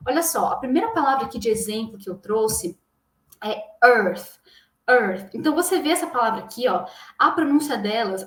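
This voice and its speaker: Young Brazilian woman, English teacher, fairly high voice, echoey room, encouraging lesson. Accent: Brazilian Portuguese. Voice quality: lively, encouraging, talks straight to the viewer. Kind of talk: online English pronunciation lesson.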